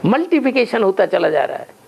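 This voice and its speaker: A man's voice: high voice, sing-song, brisk, creaky, a little mellow. A man leading a spiritual class, answering questions and posing rhetorical questions he answers himself. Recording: dull lo-fi recording with faint noise.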